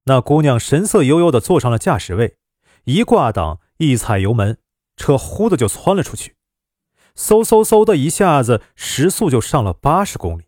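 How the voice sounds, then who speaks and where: Expressive male storyteller, dry sound. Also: mid-range voice, normal speed, no echo. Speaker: narrator. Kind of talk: story narration.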